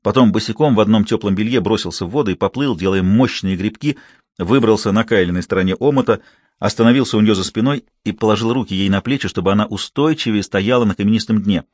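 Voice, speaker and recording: A man narrating an audiobook in a steady, even reading voice. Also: fairly low pitch, fast, dry recording. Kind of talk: scripted narration.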